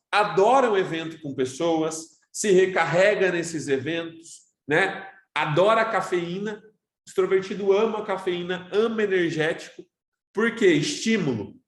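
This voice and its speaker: A Brazilian man teaching an online course, lively and loud, constantly shifting his tone and pace as he lectures his students. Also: on the high side, echoey room. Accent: Brazilian Portuguese. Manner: animated, talks loud, varies his tone constantly.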